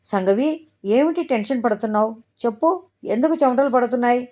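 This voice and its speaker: A woman's voice: on the high side, a little fast, warm tone, pitched above the performer's own voice, lightly acted. A woman narrator voicing an outspoken young woman friend who probes and gives advice. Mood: probing. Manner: probing, advising.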